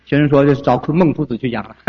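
Older male pastor, fairly high voice, lively storytelling sermon, muffled hall recording. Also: fast talker. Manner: lively, repeats phrases, chuckles often. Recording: dull recording with long hall reverb.

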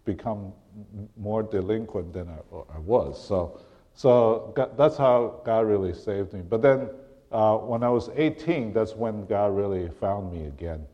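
A middle-aged man from Taiwan preaches a sermon as a guest preacher, speaking haltingly, restarting often and occasionally clearing his throat. His voice is lowish and animated, and the audio is dull.

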